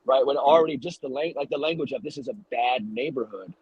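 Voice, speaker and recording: A man with a husky, slightly raspy voice at a middle pitch. He hosts a casual podcast interview. He asks long, searching questions that wander before they land. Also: quick pace, muffled recording. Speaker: podcast host.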